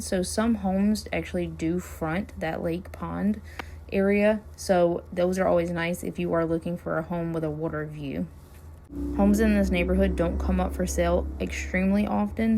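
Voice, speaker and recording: Inside her moving car, a realtor vlogs a casual neighborhood driving tour in a cheerful, chatty sales manner. Her voice is on the low side and a little mellow, but gravelly and hoarse as she starts to lose it.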